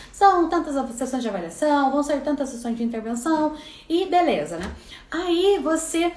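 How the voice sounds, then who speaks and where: A woman with a Brazilian accent teaching a casual online lesson in a chatty way, often adding "né". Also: sits high. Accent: Brazilian Portuguese. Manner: chatty, frequent "né" tags. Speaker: neuropsychopedagogy teacher. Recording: roomy echo.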